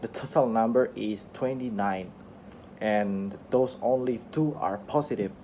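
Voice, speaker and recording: A man reading an interview script aloud for listening practice, halting often, restarting words and slipping on phrases. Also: lowish voice, warm tone, slight background noise. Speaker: English teacher reading a radio interview aloud.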